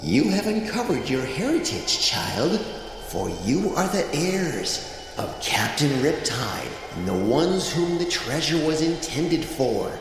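A man voicing an ancient magical talking seashell, speaking softly in a hushed, solemn way. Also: a little high, sing-song, slow, heavy reverb, long reverb tail, over music, full character voice, low-quality recording.

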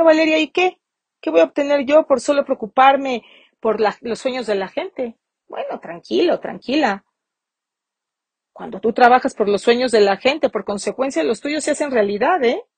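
Husky-voiced woman, emphatic motivational host. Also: fairly high pitch, a little mellow, no room sound. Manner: emphatic, repeats phrases for stress. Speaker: podcast host. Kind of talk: motivational business podcast.

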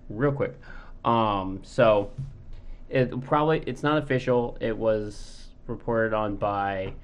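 A man with a nasal voice and a fairly low pitch chats as a podcast co-host. His delivery is casual, with dry, joking asides. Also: takes it slowly, clean tone. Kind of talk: casual chat.

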